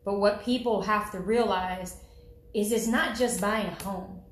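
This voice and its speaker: A woman's voice: mid-range voice, unhurried. A woman loan officer explaining the home loan process in a conversational way, often checking in with "okay?". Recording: roomy, echoey room.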